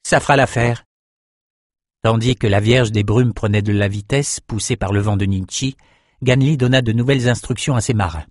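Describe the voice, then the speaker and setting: A man with a fairly low voice narrates an adventure novel at an even, measured pace. The sound is dry and close, recorded on a studio mic. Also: dry recording. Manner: steady, measured storytelling. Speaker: audiobook narrator. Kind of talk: scripted narration.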